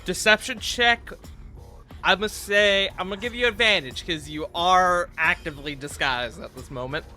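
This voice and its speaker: A man running a tabletop game as game master, talking casually with quick asides and laughter. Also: high voice, pushed and bright, faint music behind.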